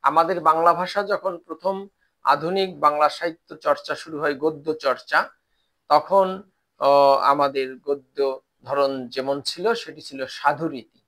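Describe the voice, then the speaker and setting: A man teaching a Bengali language class to polytechnic students, explaining step by step and pausing often with "ah" fillers. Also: a little high, fairly even intonation, fairly bright tone. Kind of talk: recorded online lecture.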